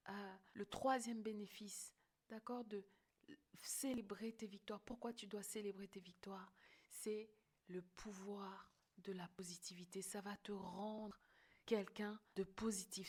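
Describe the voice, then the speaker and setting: A woman with a higher, darkish voice hosts a motivational coaching podcast, bilingual in French and English. She speaks emphatically and keeps checking in with the listener.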